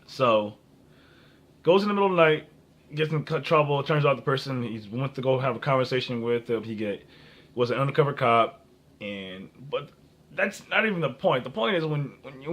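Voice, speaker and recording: Halting young American man giving relationship advice. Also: mid-range voice. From Minnesota, United States. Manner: halting, often breaks off and repeats phrases. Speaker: dating advice vlogger. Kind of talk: rambling off-the-cuff advice and personal anecdotes.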